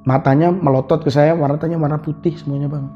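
A man who works as an online motorbike taxi driver, telling his experience in a casual, animated way, repeating himself and acting out sounds. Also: a little high, fast talker. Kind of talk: casual spoken storytelling. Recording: dull lo-fi sound with faint music.

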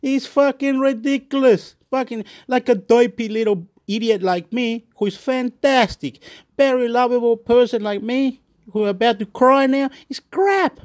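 A man's voice: very high-pitched, measured pace. A man from Chile, vlogging in a rambling, repetitive rant full of swearing. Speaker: YouTube vlogger.

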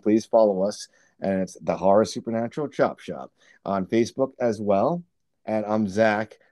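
A man's voice: fairly low pitch, warm tone. Joking male podcast co-host. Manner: joking, teasing, laughs often. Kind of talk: casual podcast chat.

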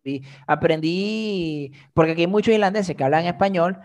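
A young man, a guest telling his story in a casual, slangy and animated way. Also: high voice, moderate pace. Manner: animated, slangy, frequent filler "o sea". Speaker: interview guest, migrant living abroad.

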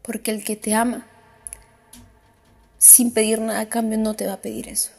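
A woman's voice: fairly high pitch, little pitch movement, normal speed, gravelly, a little mellow, husky. A woman podcast host, crying as she speaks, giving a heartfelt motivational monologue with repeated self-affirming phrases. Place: on the way home.

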